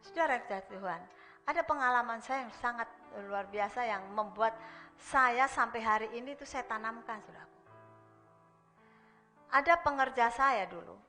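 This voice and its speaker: A woman preaching a sermon, speaking straight to the congregation and swinging between emphatic and hushed delivery. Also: fairly high pitch, normal speed, soft background music. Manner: constantly addresses the congregation directly.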